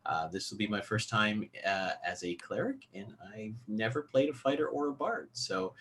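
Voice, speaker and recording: A man who plays tabletop games, chatting casually about his play in a polite, hesitant, measured way. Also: on the low side, animated, fairly bright tone, slight background noise. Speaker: tabletop game player. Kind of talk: casual interview-like chat.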